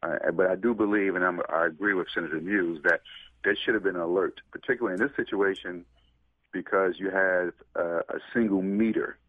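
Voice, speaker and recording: A man, a consumer protection attorney, speaking over the phone as a radio talk show guest and giving measured, deliberate legal explanations. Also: deep voice, steady tone, dry recording. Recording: tinny phone line.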